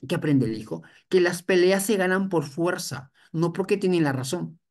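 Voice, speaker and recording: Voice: medium pitch, normal speed, a little mellow. A family counselor, giving an educational talk on parenting. The speaker explains patiently and restates points with rhetorical questions. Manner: explanatory, repeats points, often adds "for example". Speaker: family counselor addressed as doctor.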